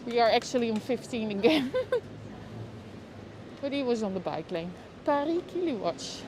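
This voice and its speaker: Hosting a live walking tour on city streets, a woman with a Dutch accent speaks in a fairly high, sing-song voice at an unhurried pace. She chats with her viewers, calls them by name, and reacts aloud to what she passes. A lapel mic picks her up as she walks, with street noise in the background.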